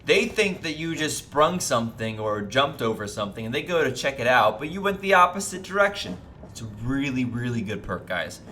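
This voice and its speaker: A man's voice: medium pitch, sing-song, fairly quick, pushed and bright, a little hiss or hum. A man giving casual, chatty gameplay commentary to his video viewers, upbeat and talking straight to them. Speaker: gaming video creator.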